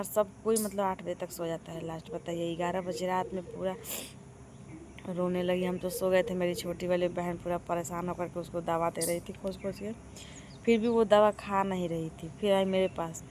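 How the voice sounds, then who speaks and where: A woman's voice: lowish voice, level tone, moderate pace, background noise. Exasperated village vlogger woman. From Bihar, India. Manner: exasperated, complaining, addresses viewers directly. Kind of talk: casual vlog storytelling. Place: doorway of a village house, outdoors.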